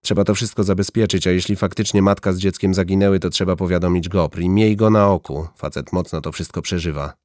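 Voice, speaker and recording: A man's voice: low-pitched, steady tone, fast, hardly any pauses, a little mellow, no room sound, clean studio sound, close to an everyday voice. A man voicing a tense young policewoman in an audiobook, speaking urgently and giving orders. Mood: commanding. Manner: urgent and commanding.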